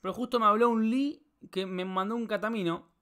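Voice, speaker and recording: A man's voice: high voice, a little fast, bright, forceful tone, smooth. A young man with a Rioplatense Spanish accent, chatting casually on a live stream while he solves a puzzle, rambling, joking and swearing. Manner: rambling, joking, swears a lot, talks to chat.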